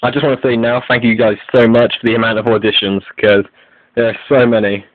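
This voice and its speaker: A man hosting an online video update reads announcements quickly in a scripted style, his medium-pitched delivery flat. The recording is dry, and it sounds narrow, lo-fi and phone-like.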